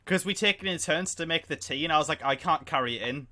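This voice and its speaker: Chatty young man, bright voice. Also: fairly high pitch, quick pace. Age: young adult. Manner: rambling, chatty, talks over the other speaker. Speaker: streamer and podcast host. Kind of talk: casual chat on a live stream.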